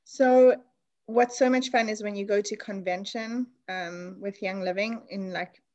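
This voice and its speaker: A woman's voice: mid-range voice, steady tone, measured pace, darkish tone, dull audio. Chatty woman hosting an online class. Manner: chatty, enthusiastic, explaining. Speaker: class host. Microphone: video call.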